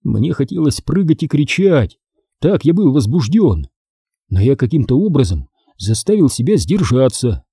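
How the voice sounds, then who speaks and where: A man narrating a story in a steady, even audiobook reading. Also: medium pitch, normal speed, breathy edge, no echo, clean studio sound.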